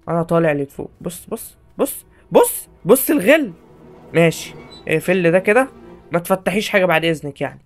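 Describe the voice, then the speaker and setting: Egyptian guy yelling at a horror game, fast and high, panicky and fed up, quiet music behind. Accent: Egyptian Arabic. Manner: panicky, exasperated, yelling at the game's characters. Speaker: gaming YouTuber. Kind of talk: horror game let's play commentary.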